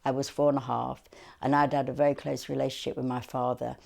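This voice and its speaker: A woman's voice: rumbling low, little pitch movement, fast, gravelly, a little mellow. A woman, telling her family story earnestly in a news interview. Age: 60s.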